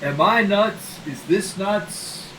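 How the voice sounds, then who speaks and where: Male game player, casual and joking, slow pace, echoey room with faint noise. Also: sits high. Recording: roomy, distant mic, faint noise.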